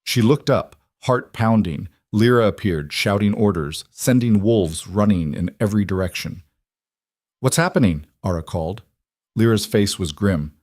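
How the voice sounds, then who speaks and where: A man giving scripted story narration in an even, dramatic storytelling manner. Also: on the low side, moderate pace, no echo, clean studio sound.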